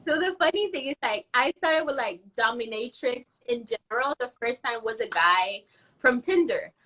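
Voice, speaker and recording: A woman with a high voice chats as a guest on a live video call. She tells her story with animation and scatters "like" through her sentences. The talk is loose and unscripted. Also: normal speed, low-quality recording. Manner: animated storyteller, many "like" fillers. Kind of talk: casual chat.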